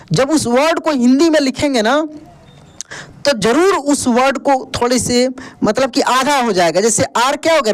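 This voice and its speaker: A male teacher in an online video lesson, spelling words out letter by letter and calling the viewers friend. He asks the viewer questions and then answers them himself. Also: extremely high pitch. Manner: repeats "ध्यान दीजिएगा" and calls viewers friend. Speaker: English teacher.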